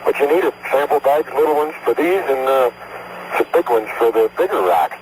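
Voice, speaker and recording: A man's voice: mid-range voice, lively intonation, brisk, darkish tone, a little hiss or hum, low-quality recording. A man talking as an astronaut over an archival radio link, chatting casually with a crewmate as he works. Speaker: astronaut on a moonwalk. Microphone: headset in spacesuit.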